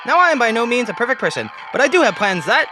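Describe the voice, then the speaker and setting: A man's voice: very high-pitched, very animated, fast, music in the background, voice pushed up. A man voicing a theatrical, intense riddle-obsessed supervillain with an articulate, rhetorical manner in a comic reading. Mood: intense, brooding.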